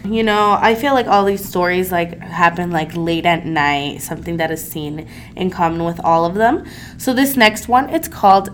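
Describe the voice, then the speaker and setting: On a podcast she co-hosts, a young Salvadoran woman narrates folk legends in an easygoing, chatty manner, leaning on frequent "um"s and "you know"s. Her voice sits on the low side with a bit of brightness, and faint background noise runs underneath.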